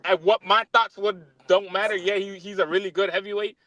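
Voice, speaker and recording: A man's voice: high voice, level tone, fairly quick, sharp tone, dry recording. A man hosting a casual sports chat, his voice stuttering and dragging as his call connection buffers and cuts out. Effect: choppy buffering call audio that stutters and drags. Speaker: show host.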